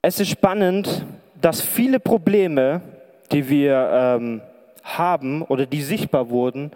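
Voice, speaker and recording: A man preaching to an audience from a stage, talking conversationally and firing question after question at them. His voice sits a bit higher than most men's, and it rings out with a long reverb from the big hall around him. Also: dark tone. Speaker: preacher and pastoral counselor. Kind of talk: sermon. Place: lit stage before an audience in a large hall.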